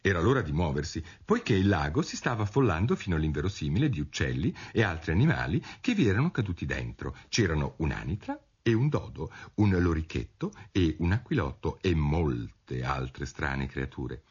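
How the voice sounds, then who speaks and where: A man reading a storybook aloud on the radio, with expressive, theatrical narration. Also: very deep voice, normal speed, hardly any pauses, husky. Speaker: reader. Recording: dull radio recording.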